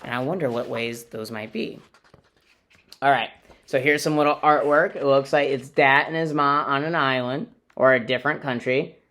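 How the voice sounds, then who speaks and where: A man's voice: mid-range voice, moderate pace, bright, forceful tone. A man, a teacher, reading a picture book aloud to children in a friendly, explaining way. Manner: friendly, explains to kids, playful sound effects.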